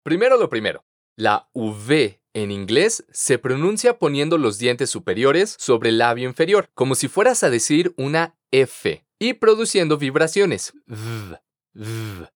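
A man teaching English pronunciation on a podcast, patient and encouraging, modeling words slowly for students to repeat. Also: mid-range voice, sing-song, no room sound, studio quality. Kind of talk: podcast language lesson.

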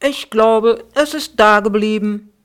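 A woman reading aloud voicing a bold young boy in a storybook, with bright excited calls. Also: a little high, slow, smooth, voice pushed up. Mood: cheerful.

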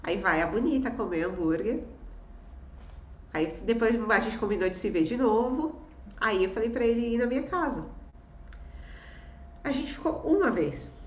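A woman telling a personal story in a casual conversation, animated, acting out the voices she quotes and laughing often. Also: on the high side, normal speed, long pauses, reverberant, muffled recording.

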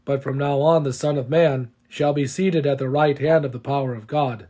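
A man voicing a calm, grave male teacher facing judgment in a measured, solemn reading. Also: mid-range voice, natural voice.

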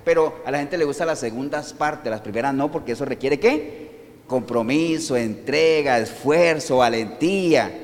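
A man's voice: medium pitch, normal speed. A man preaching a sermon who keeps asking his congregation questions and waits for their answers. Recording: long reverb in a hall.

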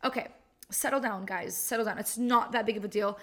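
On her solo podcast, a woman in her twenties chats in a mid-range voice that's fairly quick, bright, and forceful. She jokes at her own expense, laughs a lot, and fills her speech with likes and ums.

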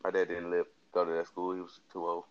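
A young man with a very low, deep voice, speaking in a relaxed, drowsy way late at night. He hedges and takes his time as he co-hosts a loose chat. The sound is dull and lo-fi. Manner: laid-back, hedging, unhurried. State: tired. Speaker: co-host.

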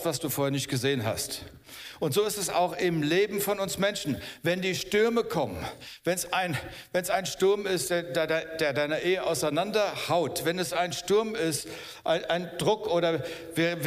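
A man preaching a sermon at a church service, talking conversationally and checking in with "okay?" and "ja?". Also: a little high. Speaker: pastor. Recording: long reverb of a church hall.

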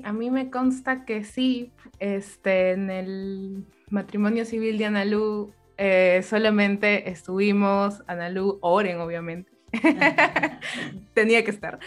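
A woman interviewer asking a long question in a casual, hesitant way, full of fillers and restarts. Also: medium pitch.

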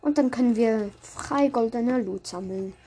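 A woman's voice: on the high side, measured pace, dark tone. A woman giving casual live commentary on her own gameplay, reacting aloud in short bursts. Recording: clear background noise, keyboard clicks.

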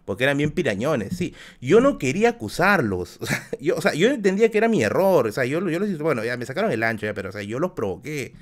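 A man's voice: fairly high pitch, very animated, fast talker. A man with a Peruvian accent telling a story on a live stream in a casual, slangy, self-mocking way. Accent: Peruvian Spanish. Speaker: livestreamer telling stories.

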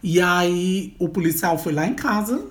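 A woman hosting a casual podcast chat, a lively storyteller who drives the conversation with questions. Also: fairly low pitch, unhurried. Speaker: podcast host.

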